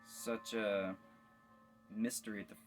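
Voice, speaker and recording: Man, tired, yawning, low voice, casual reaction commentary, musing. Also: flat delivery, a little slow, music in the background. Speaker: video reactor.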